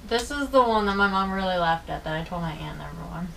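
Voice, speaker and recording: A woman's voice: fairly low pitch, lively intonation, fast talker, creaky, fairly bright tone. A young woman telling dad jokes in a casual, chatty way, set-up first and then the punchline. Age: young adult. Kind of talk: casual chat. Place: small bedroom, indoors. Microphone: camera a few feet away. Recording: distant mic, hissy room noise.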